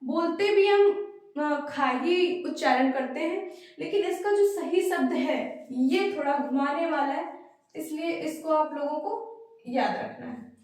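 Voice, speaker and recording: High-voiced woman teaching in an echoey room. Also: darkish tone. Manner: explains step by step, repeats each word slowly. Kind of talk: spelling lesson for exam students. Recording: very echoey room, voice far from mic.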